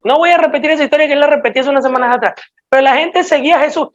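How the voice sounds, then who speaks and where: A woman's voice: high-pitched, very fast. A woman with an Ecuadorian accent preaching a sermon in a direct, emphatic, scolding way to a church congregation. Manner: emphatic, direct and scolding, with sudden swings in loudness. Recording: dull lo-fi recording.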